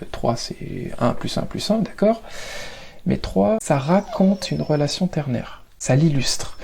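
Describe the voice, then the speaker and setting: With a warm, creaky voice on the higher side and a little background hiss or hum, a Parisian man hosts a video on word origins. He speaks with a Parisian French accent, explaining casually and digressively and emphasizing key words.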